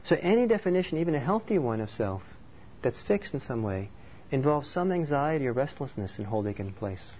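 A man's voice: medium pitch, big pitch swings, brisk, few pauses, darkish tone. A man from Norway giving a thoughtful, conversational dharma talk as a meditation teacher. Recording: slightly dull recording with faint background noise.

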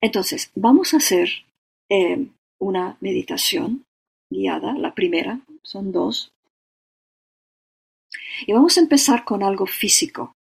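A meditation teacher giving a dharma talk and leading a guided meditation, slow and halting, often checking in with short tag questions. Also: medium pitch, animated, gravelly, husky. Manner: slow, halting, with frequent "¿no?" and "o sea".

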